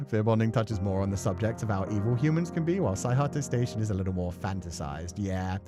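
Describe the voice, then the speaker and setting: A lowish, very animated voice, a little fast, belongs to a streamer and voice actor who plays visual novels. In casual livestream chat with music in the background, he reads out viewer comments and replies, rambling and thoughtful, with occasional swearing.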